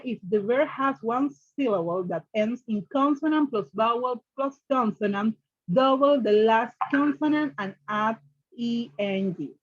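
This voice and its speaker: A woman's voice: on the high side, dull audio. A woman teacher explaining grammar rules step by step to a class, repeating each rule and asking students questions. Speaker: English teacher.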